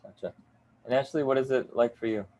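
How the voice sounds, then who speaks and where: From his home basement, a middle-aged man moderates an online panel over a video call. He is upbeat and warm toward his guests, using frequent "uh" fillers, and speaks fairly quickly in a mid-range voice.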